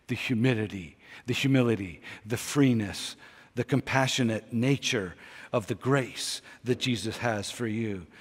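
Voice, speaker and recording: A man preaching a sermon in a large church, slow and intense, swinging between loud urging and hushed near-whispers. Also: lowish voice, husky. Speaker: pastor. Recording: long church-hall reverb.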